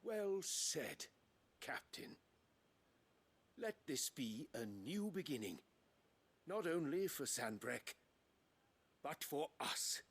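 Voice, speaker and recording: A man's voice: a little high, sing-song, slow, pauses often, breathy edge, heavily acted. An actor playing a humbled, stately nobleman in a video game, speaking formally and solemnly. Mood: solemn resolve. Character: humbled stately imperial nobleman, contrite father.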